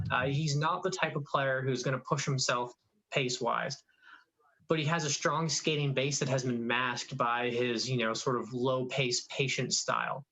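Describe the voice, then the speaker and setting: A man co-hosting a live draft stream, giving opinionated, animated analysis. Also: mid-range voice, poor audio. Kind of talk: live draft commentary chat.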